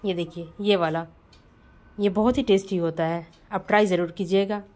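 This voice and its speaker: A woman's voice: mid-range voice, fairly even intonation, moderate pace, a little mellow. A woman home baker giving a casual voice-over tutorial on cake decorating, chatty and friendly, often calling her viewers friends.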